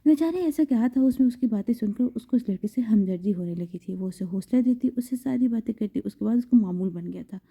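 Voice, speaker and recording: A woman's voice: fairly high pitch, animated, few pauses, mellow, slightly rough. Woman narrating a dramatic audio novel. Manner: dramatic storytelling. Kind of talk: scripted narration of a romance novel. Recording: slightly dull lo-fi recording.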